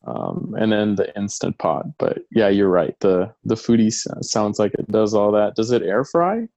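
A man's voice: lowish voice, fairly even intonation, normal speed, vocal fry, warm tone, no room sound, dull audio. A man hosting a podcast, bantering and joking in casual talk. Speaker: podcast host.

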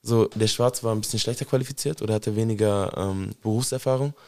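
A man's voice: fairly low pitch, quick pace, a little mellow. A young man hosting a podcast in casual opinion chat, peppering his talk with slang fillers. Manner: slangy, fills with "weißt du" and "Digga". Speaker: podcast host.

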